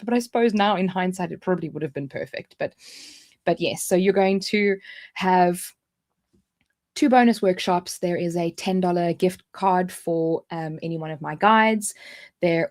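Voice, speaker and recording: This livestream host, a woman with a South African accent, has a fairly low, slightly mellow voice. Her talk is casual and chatty, jumping between topics with plenty of restarts.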